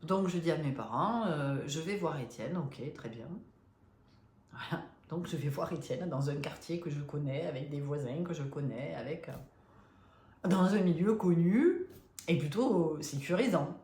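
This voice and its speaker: Woman, 50s, low voice, halting confiding storyteller, echoey room. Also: expressive, warm tone. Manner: hesitant, many fillers and restarts; emotional, confiding. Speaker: spiritual vlogger. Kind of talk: personal storytelling to viewers. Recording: roomy echo.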